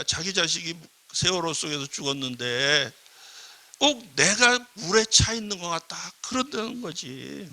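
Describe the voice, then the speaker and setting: Bright, gravelly, animated male preacher. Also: fairly high pitch. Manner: animated preaching, acts out quoted dialogue, asks the congregation questions. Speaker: pastor. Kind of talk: sermon.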